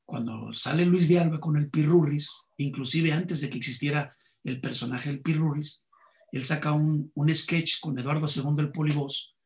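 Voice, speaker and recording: Animated Mexican man telling stories. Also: fairly high pitch, normal speed. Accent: Mexican Spanish. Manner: animated anecdote-telling, acts out dialogue. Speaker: comedian. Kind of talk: interview conversation, storytelling.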